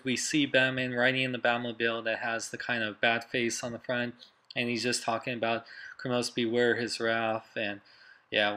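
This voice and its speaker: A man's voice: medium pitch, bright, forceful tone, clear, resonant tone. A man hosting an entertainment news video, commenting in an informal, somewhat hesitant way.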